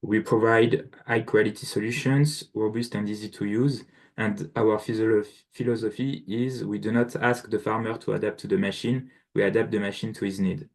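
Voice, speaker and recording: A man's voice: on the low side, fairly even intonation, normal speed. A man with a French accent, presenting as a sales manager on a video call, careful and apologetic about his English. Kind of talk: webinar presentation.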